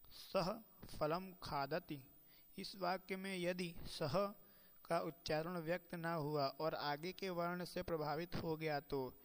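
Man, slow measured lecture, slightly high voice, long reverb, recites verses. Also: smooth. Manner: measured, slows to chant quoted verses. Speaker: teacher. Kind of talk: lecture on Sanskrit pronunciation.

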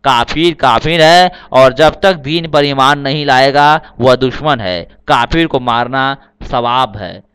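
A man's voice: mid-range voice, slow pace, few pauses, fairly bright tone, clean tone. A man voicing a fat, hot-tempered butcher who talks down scornfully at a young man in a storybook reading.

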